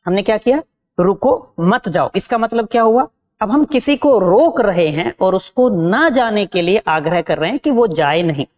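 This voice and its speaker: A woman's voice: medium pitch, expressive, normal speed, a little mellow. A woman teaching an exam-prep lesson. She repeats key terms and asks her students rhetorical questions.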